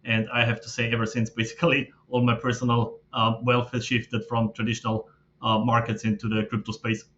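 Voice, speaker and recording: Bright-toned man explaining steadily. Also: mid-range voice, brisk. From Austria. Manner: steady, explanatory, with frequent fillers. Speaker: guest, fund manager. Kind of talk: casual interview talk. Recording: slightly dull lo-fi audio.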